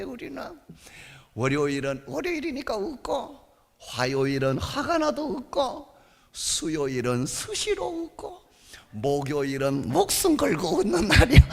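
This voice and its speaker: A woman preacher leading a lively, playful sermon in a church sanctuary, shouting cheers to the congregation. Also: high-pitched, vocal fry. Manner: shouting, playful, rousing the crowd. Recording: long hall reverb.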